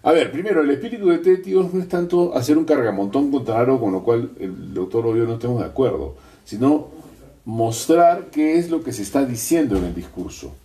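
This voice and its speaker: A man's voice: mid-range voice, lively intonation, a little fast, mellow, far from the mic. A man from Peru co-hosting a talk show, reflective, with ironic asides and frequent tag questions. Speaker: co-host. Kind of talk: conversational commentary.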